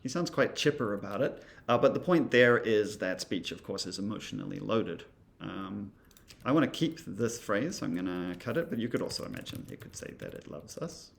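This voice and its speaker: Male instructor, low and gravelly, casual demo talk full of fillers. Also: animated, fairly quick. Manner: thinking aloud, many fillers and asides. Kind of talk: casual walkthrough of software.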